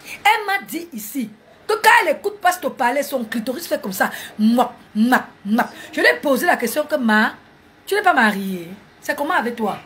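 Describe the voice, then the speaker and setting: A woman's voice: sits high, a bit bright, a little hiss or hum. A woman, mocking and scolding viewers in a heated live stream on her phone. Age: 40s.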